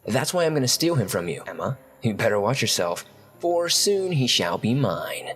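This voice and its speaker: A woman's voice: extremely low pitch, sing-song, moderate pace, faint music behind, pitched below the performer's own voice. A woman voicing a goofy, tipsy young man who jokes in a mock-dramatic way. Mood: joking.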